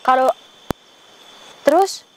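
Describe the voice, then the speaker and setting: A woman's voice: slow pace, a little hiss or hum. A woman on a ghost-hunting vlog, asking questions aloud, repeating the answers to viewers and exclaiming pious phrases. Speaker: paranormal vlogger relaying a spirit.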